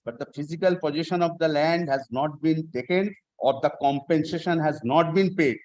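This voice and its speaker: A man's voice: fairly high pitch, moderate pace, a little mellow, dry recording, dull audio. A man does a formal legal reading. He sounds like a lawyer addressing a judge, deferential and methodical as he reads out statute. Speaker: lawyer arguing in court. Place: courtroom live stream.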